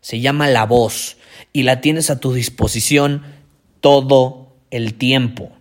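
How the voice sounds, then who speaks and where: A man hosting a motivational podcast as a voice coach, emphatic, repeating key phrases and swinging his pitch and volume. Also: fairly even intonation, slow pace. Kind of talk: energetic motivational podcast talk.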